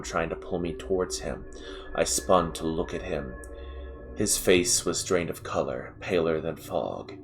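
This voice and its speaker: A man reading a scripted horror story in a measured, dramatic way with stressed pauses. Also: low voice. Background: music.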